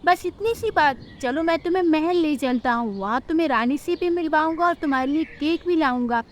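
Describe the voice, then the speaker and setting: A kind male uncle bird from a cartoon story, warm and reassuring, voiced by a woman. He speaks in a high, friendly voice to cheer up a child. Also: animated, brisk.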